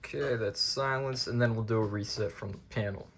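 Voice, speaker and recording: A man's voice: lowish voice, fairly even intonation, fairly quick, a bit bright, a little hiss or hum. A man giving a casual hands-on demonstration, narrating each step informally as he goes. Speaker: fire alarm hobbyist demonstrator.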